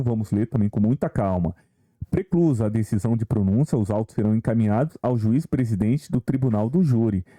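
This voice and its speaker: Very dark-voiced man teaching a lesson. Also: mid-range voice. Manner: talks to viewers with many rhetorical questions. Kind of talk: online exam-prep lesson.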